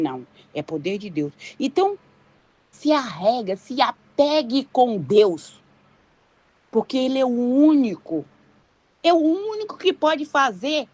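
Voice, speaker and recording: Older Brazilian woman preaching conversationally. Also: mid-range voice. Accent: Brazilian Portuguese. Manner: conversational, leans on rhetorical questions and tag questions. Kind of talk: informal sermon.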